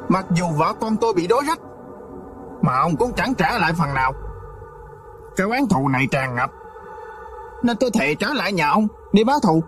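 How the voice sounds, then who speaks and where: A man voicing an aggrieved, vengeful son who complains in an accusing, high voice. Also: very animated, normal speed, pauses often, fairly bright tone, faint music behind. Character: aggrieved son seeking revenge, high and wailing.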